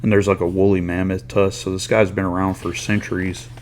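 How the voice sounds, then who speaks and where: A man with a fairly low voice hosts a relaxed comic book talk. He retells a story loosely, leaning on "like" and slang, with the odd curse word thrown in. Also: brisk, a little hiss or hum. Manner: rambling retelling full of "like" and paraphrased lines; swearing, laid-back slang. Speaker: comic book reviewer host. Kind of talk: casual chat.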